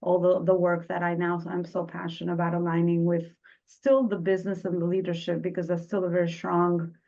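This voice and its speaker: A middle-aged woman from Albania, speaking as an interview guest. Her low, gravelly voice moves earnestly through her story, with small restarts along the way. The recording sounds dull and lo-fi. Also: flat delivery, mellow. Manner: earnest, slightly halting with restarts. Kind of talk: reflective personal storytelling.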